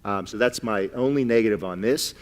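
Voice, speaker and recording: A man's voice: lowish voice, a little fast. A man judging a competition, giving candid, opinionated critique off the cuff. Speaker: competition judge. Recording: long hall reverb.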